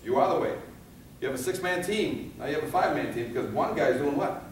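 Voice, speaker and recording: In a live training talk to firefighters, a fire safety instructor speaks quickly in a slightly high, expressive voice. He throws questions at the room, answers them himself, and dramatizes scenes by switching voices. The audio comes from a distance, echoey and somewhat noisy.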